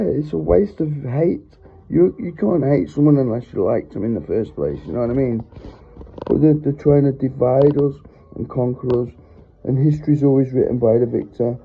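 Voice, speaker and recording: A man's voice: mid-range voice, vocal fry, slightly rough. A middle-aged man giving an earnest, rambling preaching monologue into his phone, heartfelt and often stopping to apologize. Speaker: religious vlogger. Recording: tinny phone-line sound.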